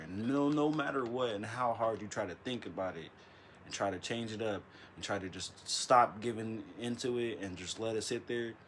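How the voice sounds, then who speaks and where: A man's voice: lowish voice, fairly bright tone, slight background noise. Rambling man saying "bro" constantly. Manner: rambling, stammers and restarts, says "bro" constantly. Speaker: vlogger. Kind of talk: casual late-night monologue. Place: dark room at night. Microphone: iPad built-in mic.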